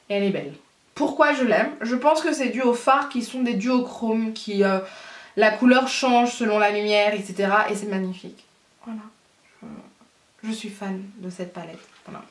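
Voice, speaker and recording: A young woman chatting casually about beauty products, full of laughs and fillers. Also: medium pitch. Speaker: beauty vlogger. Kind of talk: casual haul chat. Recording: roomy sound from a distance.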